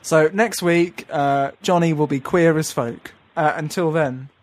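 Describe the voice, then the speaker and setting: Young male co-host, slightly high voice, dry close sound, deadpan comic chat. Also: measured pace, no room sound. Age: young adult. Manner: wry, deadpan, stumbling restarts. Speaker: podcast co-host. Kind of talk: casual comedic chat.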